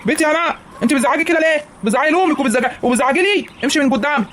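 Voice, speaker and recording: Stern village father played by a man, rural Egyptian accent, scolding, high, very fast. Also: fairly bright tone, a little hiss or hum.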